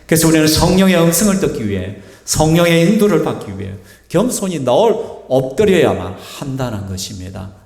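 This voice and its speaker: A male pastor preaches a sermon in a church sanctuary, telling a personal story and acting out the voices of the people in it. His voice is fairly high, slightly fast and creaky, a little mellow, with big pitch swings and hardly any pauses. The hall sounds echoey.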